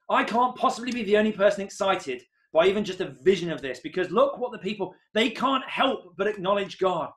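A man in his thirties delivers an earnest sermon into a desk webcam from a room at home. His voice sits a little high, and he lifts into excited emphasis when he reaches key points. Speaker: preacher.

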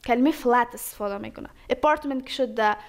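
A woman teaching English phrases, saying each example slowly and carefully and then explaining it quickly. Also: fairly high pitch.

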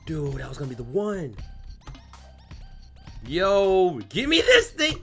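A man doing let's play commentary, excitable and yelling at the game. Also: sits high, slow, gravelly, soft background music. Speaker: gamer.

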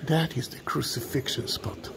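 A middle-aged man giving an unhurried walking tour of a large stone church, musing aloud and often dropping to a hushed whisper. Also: mid-range voice, creaky, background noise. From Israel. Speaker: tour guide. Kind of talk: walking video tour narration.

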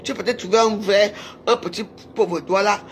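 A woman's voice: mid-range voice, steady tone, normal speed, a little hiss or hum. A woman, delivering a heated, taunting rant to her camera, repeating her jabs. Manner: heated, taunting, repetitive shouting. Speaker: social media personality. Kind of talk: angry insulting rant to camera.

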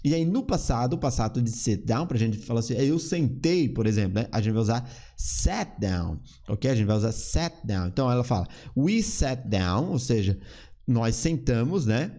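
A man's voice: mid-range voice, lively intonation, normal speed, dark tone. A man from Brazil, teaching English in a chatty way and repeating words to drill pronunciation. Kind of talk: casual online English lesson.

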